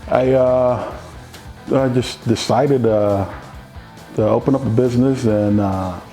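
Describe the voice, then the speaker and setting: A man from Chicago gives a hesitant testimonial, filled with pauses. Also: mid-range voice, steady tone, dark tone, soft background music. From Chicago, Illinois. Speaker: detailing student. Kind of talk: testimonial interview.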